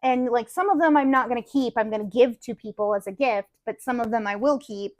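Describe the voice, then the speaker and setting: On a podcast, a woman co-hosts a relaxed chat about cross-stitch projects, rambling with fillers and restarts. Her voice is a little high and a little fast, and she seems to be losing it slightly. The recording is dry.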